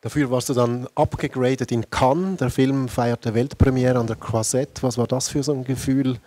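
A man's voice: mid-range voice, fairly even intonation, moderate pace, warm tone. A man interviewing a guest on stage, asking plain questions. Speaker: festival interviewer.

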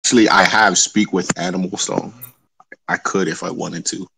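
A man's voice: sits low, fairly even intonation, moderate pace, gravelly, bright, forceful tone, a little hiss or hum, low-quality recording. A man playing a tabletop game online, speaking bluntly and matter-of-factly. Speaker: player. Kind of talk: casual game chat.

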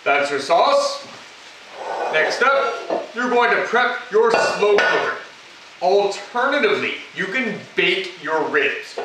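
Talking viewers through a home cooking demonstration, this host keeps things chatty and throws in jokes. His voice is high with big swings in pitch, and he goes slowly. The sound comes from a distant camera mic in an echoey indoor kitchen, with some background noise.

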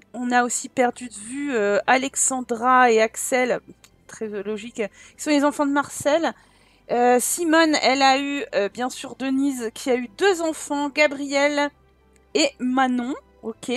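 Chatty high-voiced woman gaming host. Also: no echo. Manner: chatty and expressive, full of exclamations and fillers. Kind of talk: casual let's-play commentary.

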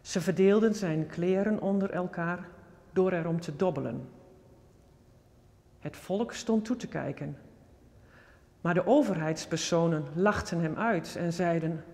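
A man reads scripture aloud in a high, clear register, solemn and reverent. He takes his time over each phrase. The long reverb of a big, resonant room trails behind his words. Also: a little mellow. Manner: measured and reverent, quotes spoken with stronger emphasis. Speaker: scripture reader. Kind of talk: solemn Bible reading.

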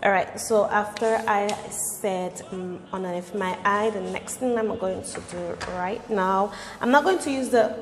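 A woman's voice: medium pitch, measured pace, few pauses, a little hiss or hum. A woman in her thirties chatting casually through a makeup tutorial and personal story, conversational and repeating phrases for emphasis. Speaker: beauty vlogger. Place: small bare-walled room indoors. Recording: echoey, reverberant room with music behind.

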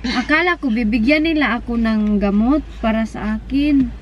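Chatty Filipino mom vlogger, high voice. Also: female voice, moderate pace, lo-fi sound. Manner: chatty, switching between talking to viewers and her kids. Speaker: family vlogger. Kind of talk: casual vlog chat. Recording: roomy, distant phone mic with background noise.

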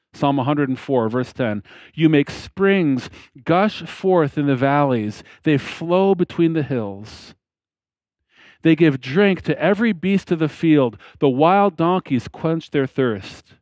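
A man in his fifties delivers a sermon at a slow, deliberate pace, leaning on pauses and letting his phrase ends drop away. His voice sits a little high for a man. The sound is dry and close from a headset mic. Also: animated, darkish tone, no echo. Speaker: pastor. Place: church platform behind a lectern, indoors.

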